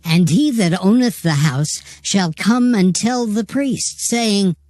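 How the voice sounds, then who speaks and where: A man narrating scripture from a script in a measured, solemn manner. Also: sits high, darkish tone, no room sound, studio quality.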